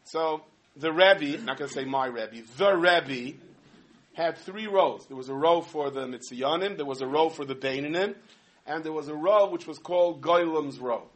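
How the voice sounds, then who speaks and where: A man delivers a humorous sermon. He tells stories in an animated way, full of asides. His voice sits a little higher than most men's. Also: normal speed. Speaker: rabbi giving a talk.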